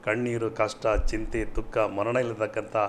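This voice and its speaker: A man's voice: level tone, normal speed, slight background noise. A man with a Kannada accent, a pastor on a TV programme, teaching from the Bible and answering viewer questions with rising fervour. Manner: fervent, rises in pitch and volume when quoting scripture.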